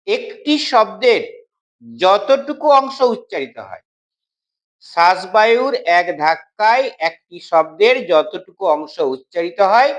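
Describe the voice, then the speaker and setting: A male grammar teacher giving an informal classroom explanation. He talks to the student in a familiar way, says each definition twice, and checks in with short questions. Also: sits high.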